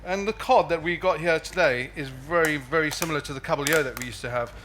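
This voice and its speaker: A man's voice: on the high side, quick pace. A South African man with a whistling s, chatting informally as he gives a live cookery demonstration as a chef. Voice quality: whistling s from a false tooth. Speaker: chef giving a cooking demonstration. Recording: live event with clear background noise.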